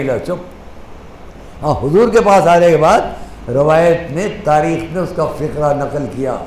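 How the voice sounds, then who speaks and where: A man preaching a sermon at a mourning gathering with an Indian Urdu accent, drawing out quoted scripture slowly and dropping to a soft voice for acted exchanges. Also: on the high side, a little hiss or hum. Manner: impassioned, stretches Quranic phrases slowly, drops to a soft voice to act out exchanges. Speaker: maulana preaching at a majlis. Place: mourning hall. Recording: echoey hall, faint ambience.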